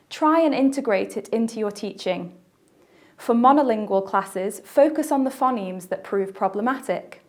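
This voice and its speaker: A woman with a British accent giving a scripted, measured teaching narration for a language course, pausing to let listeners reflect. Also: on the high side. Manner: measured, clear teaching delivery with pauses for reflection.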